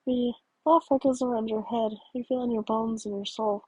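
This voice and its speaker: A woman reading a second-person fan story aloud in a high, husky voice. Her delivery is casual, with small stumbles and self-corrections along the way. The tone is mellow and the recording is close and dry. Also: fairly even intonation, moderate pace, dry recording, poor audio. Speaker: story narrator.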